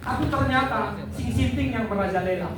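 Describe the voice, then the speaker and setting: A man with a very high-pitched voice works as emcee at a community campaign gathering, briskly and energetically leading the crowd in call-and-response chants. He is miked from far off in an echoey hall, with a lively crowd in the background.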